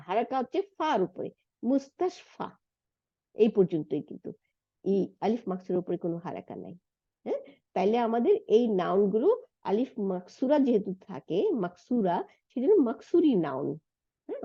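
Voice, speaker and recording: A woman's voice: a little high, warm tone, breathy edge, no room sound, dull audio. A woman teaching an Arabic grammar lesson, patient and explanatory, often asking her students a question and then answering it herself.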